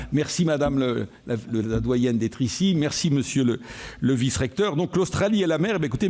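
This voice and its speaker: A man's voice: medium pitch, warm tone. A man welcoming a lecture audience, chatty, with rising emphasis. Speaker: conference moderator. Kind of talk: formal welcome speech.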